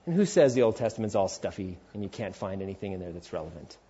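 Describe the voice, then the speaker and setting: Low-pitched and dark-toned, this man in his forties talks fast with big pitch swings; the recording is muffled with a little hiss or hum. His sermon is emphatic and informal, full of rhetorical questions, acted-out quotes and conversational asides.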